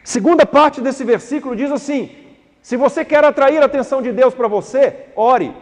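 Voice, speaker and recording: A man's voice: very high-pitched, normal speed. A man preaches a sermon. He acts out prayers and little dialogues and builds to fervent pleading. The sound carries a long reverb from a church hall. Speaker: pastor.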